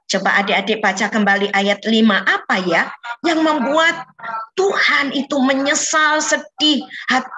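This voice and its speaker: A woman's voice: high voice, measured pace, bright, forceful tone. A woman leading a children's Bible lesson over a video call, patiently coaxing the kids with questions. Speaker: children's Sunday school teacher.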